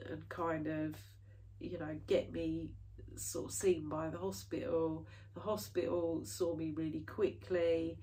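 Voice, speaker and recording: Talking to her viewers in a loose, meandering way, this British woman keeps restarting and filling gaps, her nose slightly blocked from hay fever. Her fairly low, somewhat mellow voice comes through a distant mic with poor audio quality. She's a cross-stitch vlogger doing a casual chat to camera.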